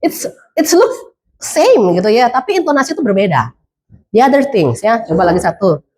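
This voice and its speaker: A middle-aged woman from Indonesia with a Balinese accent, giving a lively classroom lecture, mixing in English phrases and questioning her students. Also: on the high side, moderate pace.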